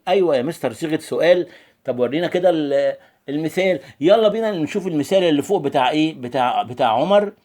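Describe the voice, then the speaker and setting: A man with an Egyptian Arabic accent gives a lively grammar review lesson as an English teacher, often acting out imagined student questions. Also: on the high side.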